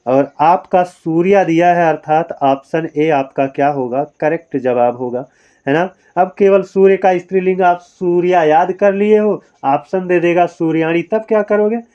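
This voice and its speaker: A man's voice: on the high side, normal speed, lo-fi sound. A man teaching grammar in an online exam-prep lesson, working through multiple-choice questions with rhetorical questions and a repeated "है ना" tag, mixing in motivational advice to students.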